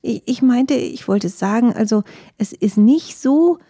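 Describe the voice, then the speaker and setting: Female narrator voicing a timid young fox: hesitant, stammering, breathy and a touch high. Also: normal speed, dark tone, dry recording, clean studio sound. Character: shy little female blue fox, timid and insecure.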